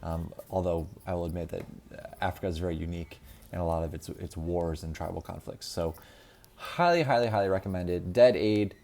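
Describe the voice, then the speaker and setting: Brief: deep-voiced male reviewer, relaxed and unscripted, plenty of filler words. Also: fairly quick, gravelly, slight background noise. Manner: unscripted, many ums and restarts. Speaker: book reviewer. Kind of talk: casual solo video review.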